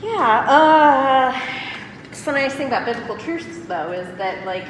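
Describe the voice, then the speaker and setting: Sarcasm and mock sincerity drive this woman's delivery as she co-hosts a satirical comedy podcast, her expressive voice sitting high and moving at an unhurried pace. Loud background music and roomy reverb fill the recording, which also carries a little hiss or hum.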